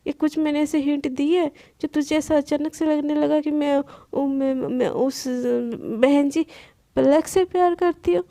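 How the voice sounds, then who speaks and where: A woman's voice: sits high, fairly even intonation, measured pace, mellow. A woman voicing a flustered young woman who keeps stammering and angrily denies being in love. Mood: flustered, defensive. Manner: stammering, panicky and defensive.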